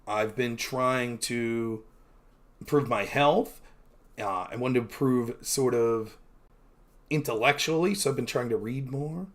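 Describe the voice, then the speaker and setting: A man's voice: mid-range voice, measured pace. A man in his thirties, chatting candidly on his own stream, rambling with many fillers and poking fun at himself. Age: 30s. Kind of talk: casual solo stream chat.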